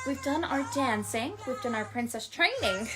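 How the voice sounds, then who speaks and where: A woman playing a sweet, excitable princess, talking to children like a kids show host with sing-song wonder and encouragement. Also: sits high, moderate pace. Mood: bright, encouraging. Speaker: children's party entertainer. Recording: loud music over the voice. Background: music.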